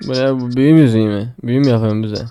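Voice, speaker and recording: A man's voice: mid-range voice, steady tone, very fast, music in the background. A man putting on a drunken town-drunk manner, muddled and rambling as he chats during an online game. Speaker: host of a comedy gaming video.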